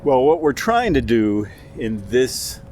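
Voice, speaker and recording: A man's voice: medium pitch, sing-song, takes it slowly, a little mellow, a little hiss or hum. A man hosting a radio interview, mostly giving short, agreeable replies. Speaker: radio show host. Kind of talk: casual interview talk.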